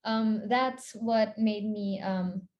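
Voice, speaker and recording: A woman's voice: medium pitch, fairly even intonation, extremely slow, muffled recording. A young woman from the Philippines in her twenties, a content creator chatting casually and giggling as a podcast guest, with a rambling, filler-heavy way of talking.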